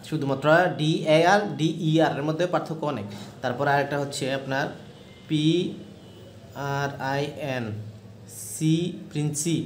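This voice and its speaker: A man's voice: a little high, roomy sound, slight background noise. A man teaching an English spelling lesson, spelling the letters one by one and repeating words.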